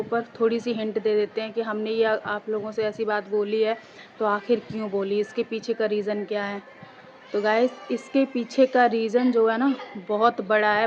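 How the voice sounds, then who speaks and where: Earnest young woman vlogger, flat and high. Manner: earnest, repetitive, keeps addressing viewers as guys. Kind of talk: casual vlog storytelling. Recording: dull lo-fi phone audio, faint outdoor noise.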